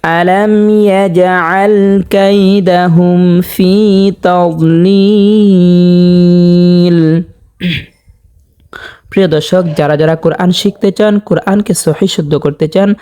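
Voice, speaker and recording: A man's voice: fairly high pitch, steady tone, fairly quick, darkish tone. A man teaching Quran recitation step by step, patiently repeating each word and drawing out the recited vowels as he explains the rules to his viewers. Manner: addresses viewers directly as dear viewers. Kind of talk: step-by-step tajweed lesson.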